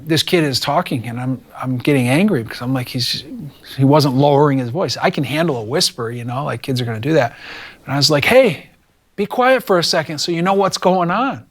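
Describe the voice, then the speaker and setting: A middle-aged male teacher recounts a classroom story in a conversational interview. He talks casually and slips into the voices of the people in his story as he goes. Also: mid-range voice. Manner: animated, acts out quoted dialogue.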